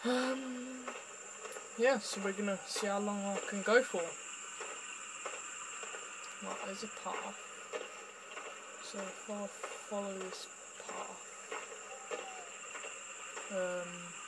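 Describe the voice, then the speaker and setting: A man's voice: high-pitched, very noisy. A man giving casual, hesitant commentary while playing a video game, with lots of fillers. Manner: hesitant, filler-heavy talk. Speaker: gamer.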